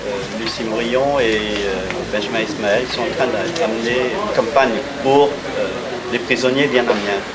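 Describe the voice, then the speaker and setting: Man, activist, halting delivery, mid voice, loud crowd. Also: mid-range voice, poor audio. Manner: halting, many fillers and restarts. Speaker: member of an activist collective. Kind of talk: street interview. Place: outdoor street rally. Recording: outdoor recording with loud crowd.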